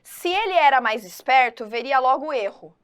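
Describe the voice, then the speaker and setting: Female teacher, higher voice, lively and chatty, addresses the student directly in an exam-prep lesson. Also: clean tone. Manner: lively, talks to the student directly, quick asides. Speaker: Portuguese grammar teacher.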